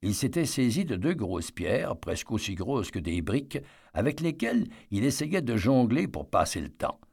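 A man reading a story aloud as narrator, with expressive storytelling. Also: mid-range voice, moderate pace, vocal fry, breathy edge. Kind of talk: audiobook narration.

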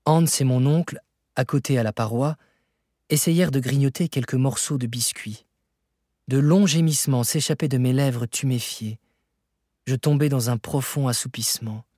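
A male reader narrates a classic adventure novel in a measured, expressive way. His voice has a husky edge at a middle pitch. The recording is close and dry. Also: no room sound. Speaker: audiobook reader. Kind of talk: scripted narration.

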